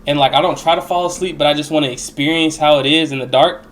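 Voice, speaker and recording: Slangy young man, higher-pitched, noisy recording. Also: steady tone, quick pace, fairly bright tone. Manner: rambling, slangy and profane. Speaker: storyteller recounting a personal experience. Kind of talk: casual storytime monologue.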